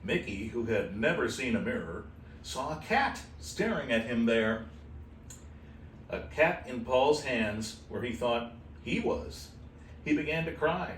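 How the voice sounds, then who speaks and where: A male host reads a children's book aloud in an animal shelter room with kittens, delivering it expressively with informal, casual asides. His voice is mid-pitched, and the recording sounds echoey and roomy, with a distant mic and faint noise.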